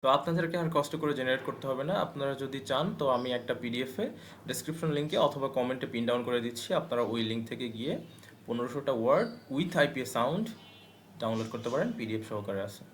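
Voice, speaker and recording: A man's voice: mid-range voice, animated, a little hiss or hum. Man drilling English words, casual teacher. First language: Bengali. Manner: repeats words slowly for drilling, conversational asides. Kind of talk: casual screen-share tutorial.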